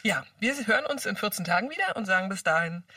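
A woman hosting a podcast, friendly and relaxed in casual chat. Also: medium pitch, fast talker. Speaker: podcast host. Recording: distant mic.

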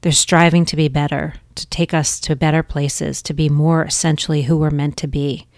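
A woman hosting a podcast, giving a gentle, earnest spiritual teaching with soft restarts. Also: deep voice, level tone, moderate pace, dry recording, clean studio sound.

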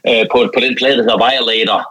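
A Danish man talks casually as a podcast guest, with the eagerness of a devoted fan. His mid-range voice is a little husky and recorded dry. He often repeats words to drive a point home. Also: medium pitch, fairly even intonation, bright, forceful tone, dry recording. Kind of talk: casual chat.

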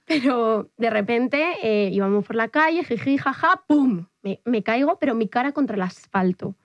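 Young woman, lively storyteller. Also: normal speed, no room sound, highs cut off. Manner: animated storyteller, acts out her own quotes in high squeals. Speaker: podcast co-host. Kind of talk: casual chat.

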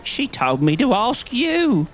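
Timid little man, high quavering whine, read by a man. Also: huge pitch swings, slow pace, slight background noise, full character voice. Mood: whining. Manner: whining, quavering. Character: small cringing rat-faced man, nervous.

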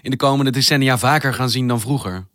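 A male radio news presenter asking a correspondent questions in a measured, inquisitive way. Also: medium pitch, fairly bright tone, no room sound, studio quality. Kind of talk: interviewing a correspondent. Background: music.

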